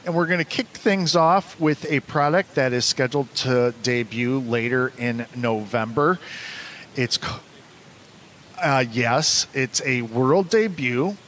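A man's voice: takes it slowly, fairly bright tone. A man hosting a trading card box-opening show, presenting products and chatting casually. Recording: noisy, with low rumble.

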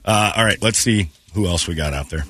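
A man's voice: deep voice, brisk, fairly bright tone, husky, dry recording. A man hosting a radio call-in show with casual banter, teasing and bluntly ribbing as he talks.

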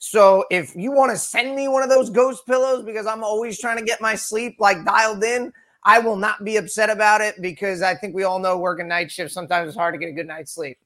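A man's voice: high voice, steady tone, fairly quick, sharp tone. A forty-year-old man, a police lieutenant, speaking as a guest in a casual podcast interview, friendly and dryly joking. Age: 40s.

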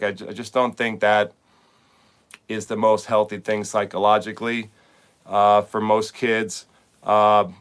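A man's voice: on the low side, fairly bright tone, clear, resonant tone. A middle-aged man, a tennis coach hosting a podcast, talking in a casual, rambling monologue full of repeated words and "like.".

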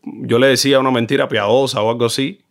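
Cuban guy, middle aged director, chatty guest, mid pitch, acts out how folks talk in different regions. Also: quick pace, vocal fry. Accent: Cuban Spanish. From Cuba. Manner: animated storyteller, mimics regional speech. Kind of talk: casual conversation.

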